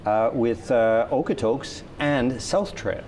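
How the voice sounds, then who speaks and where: A man hosting a community TV talk show, asking relaxed, friendly questions in a studio interview. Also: mid-range voice, slow pace, slight background noise.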